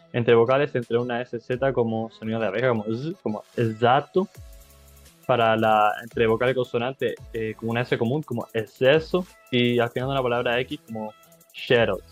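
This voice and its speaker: Halting man explaining word sounds. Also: medium pitch. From Chile. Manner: hesitant, many fillers and restarts. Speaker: language tutor. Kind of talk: casual tutorial.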